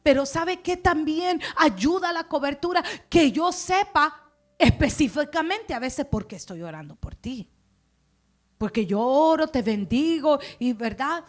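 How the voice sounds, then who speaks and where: A woman pastor preaching a sermon in a conversational, coaxing way, often checking in with her listeners. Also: on the high side. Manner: conversational, coaxing, frequent "verdad" and "amados".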